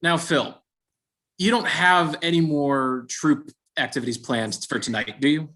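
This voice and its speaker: A man's voice: on the high side, unhurried, bright, forceful tone. A man playing a teasing, amorous husband in a comedic script reading. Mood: coaxing.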